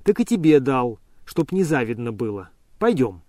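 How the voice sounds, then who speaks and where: A man's voice: medium pitch, big pitch swings, normal speed, a little mellow, no room sound, clean studio sound, lightly acted. A man voicing a sly, joking male coachman. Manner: sly, wry. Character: sly coachman, knowing and jokey.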